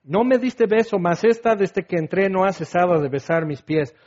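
High-voiced preacher, lo-fi. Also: male voice, moderate pace. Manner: animated, acts out the scene, sinks to soft prayerful tones. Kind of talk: sermon. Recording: dull lo-fi recording.

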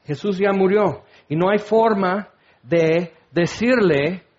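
A man preaching a sermon in an expressive, conversational way; dull lo-fi recording. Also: high-pitched, slow. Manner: expressive, conversational, acts out quotes.

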